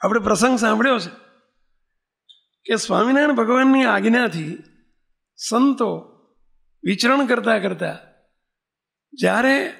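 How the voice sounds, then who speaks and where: A man's voice: very high-pitched, measured pace, vocal fry, pauses often, fairly bright tone. A man telling a sacred story in a devotional discourse, acting out the characters and putting questions to his listeners. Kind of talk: Gujarati devotional katha discourse.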